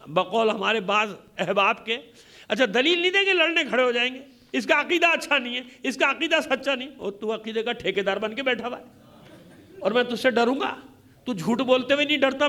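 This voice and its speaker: A man from Pakistan preaches an impassioned majlis sermon in a very high, pushed, bright voice. His delivery is combative and declamatory, full of rhetorical questions and emphatic repetition.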